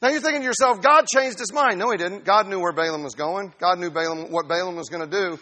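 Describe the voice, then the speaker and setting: A male preacher giving a sermon, telling a Bible story with lively humor. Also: high voice, fast. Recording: reverberant hall.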